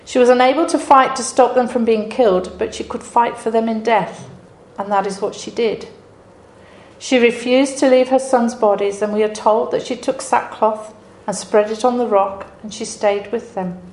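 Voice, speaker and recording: A woman's voice: fairly high pitch, fairly even intonation, moderate pace, a little mellow. A woman giving an earnest, reflective devotional Bible message in a dramatic storytelling manner. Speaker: preacher. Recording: roomy echo.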